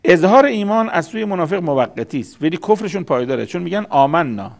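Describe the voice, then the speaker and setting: A man's voice: on the high side, very animated, creaky. A man giving a religious lecture on scripture, explaining terms patiently and repeating key words for emphasis. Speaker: Quran commentator.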